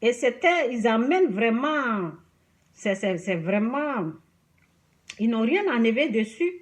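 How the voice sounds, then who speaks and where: A woman from the Ivory Coast with an Ivorian French accent, chatting to camera and telling an everyday story in an animated way, addressing viewers directly. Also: on the high side, slow pace. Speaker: vlogger.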